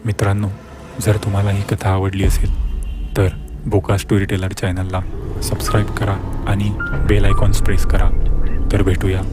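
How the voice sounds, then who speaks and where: A man reading a scripted horror story aloud as a storyteller, in an even, steady manner. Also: low-pitched, normal speed, loud music behind the voice.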